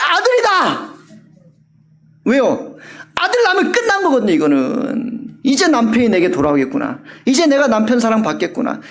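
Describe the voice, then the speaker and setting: Animated male pastor preaching. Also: high-pitched. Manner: animated, asks the congregation questions. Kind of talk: sermon.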